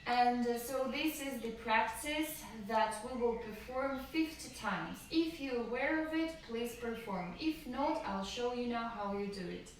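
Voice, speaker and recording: A woman with a voice on the high side gives live-streamed yoga instruction from a room at home, speaking slowly and calmly as she gently guides. Captured by a distant camera, she sounds far from the mic, with room echo and faint noise.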